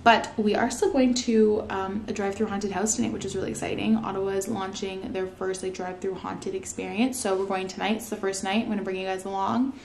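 This twenty-something Canadian vlogger speaks fairly quickly with few pauses, in a medium-pitched, creaky, somewhat mellow voice that's flat in delivery. Still, her casual talk to a nearby camera at home is upbeat and chatty, sprinkled with "like" and "you guys," over slight background noise.

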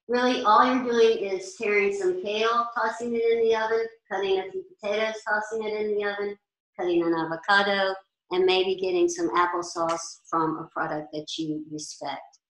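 Echoey kitchen acoustics surround an older woman chef, in her sixties, teaching meal planning in a large commercial kitchen. Her mid-range voice stays steady at a moderate pace as she stands, gestures at boards, and keeps the informal class chatty and practical.

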